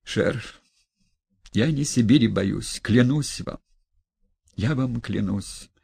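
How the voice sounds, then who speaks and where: A man voicing a frightened, despairing elderly gentleman who speaks in hushed, drawn-out tones. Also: medium pitch, gravelly, husky, no echo, exaggerated voice. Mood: fearful whisper.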